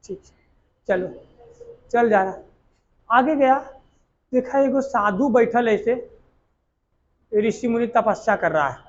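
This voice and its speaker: A man's voice: very high voice, slow pace, pauses often, dull audio. A male teacher, telling a history lesson as a story in earthy colloquial talk and quizzing his students as he goes. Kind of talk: exam coaching lecture told as a story.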